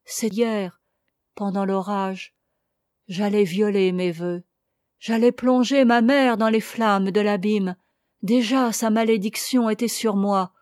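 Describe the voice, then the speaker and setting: A woman's voice: medium pitch, steady tone, slow pace, a little mellow, no echo, studio quality, natural voice. A woman reading the part of a passionate, despairing young woman in an audiobook, with an impassioned, pleading delivery. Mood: confessing.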